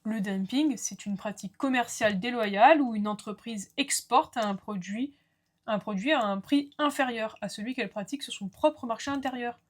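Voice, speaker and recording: Female lecturer, slightly high voice, clear explanations, asides to students. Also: moderate pace. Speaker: law lecturer. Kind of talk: recorded lecture.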